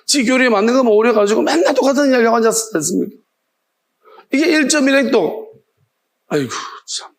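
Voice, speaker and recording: A man's voice: extremely high pitch, expressive, quick pace, creaky. A male pastor preaching a sermon, firing off challenging rhetorical questions in a scolding tone.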